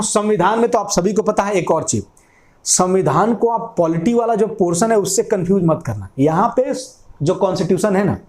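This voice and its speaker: A high-pitched young man gives an exam-prep lecture at a whiteboard. He works through each point by asking his own questions, answering them, and repeating the key lines. The classroom sound is echoey and roomy. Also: a little mellow. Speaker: exam coaching teacher.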